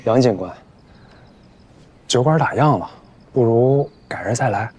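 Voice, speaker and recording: Cautious young master, polite, hesitant, medium pitch, animated melody, costume drama. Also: male voice, measured pace, husky. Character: courteous, cautious gentleman, eldest son. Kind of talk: Chinese costume television drama acting.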